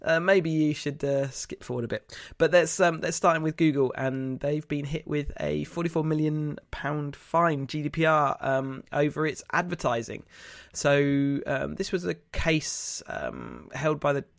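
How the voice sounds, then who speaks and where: A man's voice: a little high, lively intonation, unhurried, gravelly, no room sound, clean studio sound. A man with a nasal voice, bunged up with a cold, hosting a casual news discussion podcast. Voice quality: nasal, congested. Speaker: podcast host.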